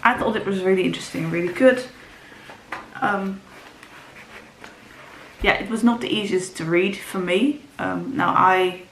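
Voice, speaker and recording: A Dutch-speaking book vlogger chats casually to camera about books, rambling with lots of ums and restarts. Her voice is medium-pitched, creaky and fairly bright, and she speaks unhurriedly with long pauses. The room echoes, with faint ambience and a little hiss or hum.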